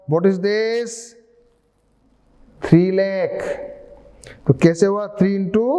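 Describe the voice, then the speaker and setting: A man teaches a maths class in a fairly high voice. He talks at a slow, deliberate pace, breaking each step down and putting questions to the students as he goes. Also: mellow. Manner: explains slowly step by step, asks students questions.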